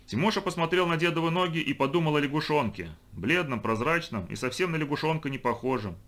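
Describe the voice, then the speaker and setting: Expressive male audiobook narrator. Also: fairly high pitch, fast. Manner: expressive reading, lifts his voice for the children's lines. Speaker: audiobook reader. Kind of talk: scripted narration.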